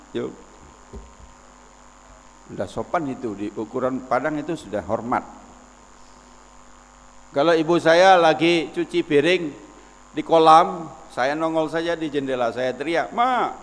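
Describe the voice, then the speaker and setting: A man's voice: medium pitch, moderate pace, long reverb tail, a little hiss or hum. A man, giving a religious lecture in an explanatory, folksy way with personal stories. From West Sumatra, Indonesia. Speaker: Islamic preacher.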